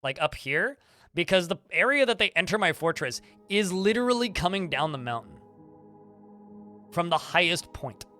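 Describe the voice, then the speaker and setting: A man streaming a game live, chatting to his viewers in a flat tone that some hear as annoyed. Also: high voice, moderate pace, soft background music. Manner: chatty, rambling asides to chat. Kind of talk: live-stream gameplay commentary.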